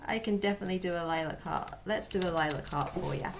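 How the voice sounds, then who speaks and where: A woman's voice: on the low side, fast, gravelly, noisy background. A woman streaming as she draws, chatting casually, muttering to herself and answering her chat.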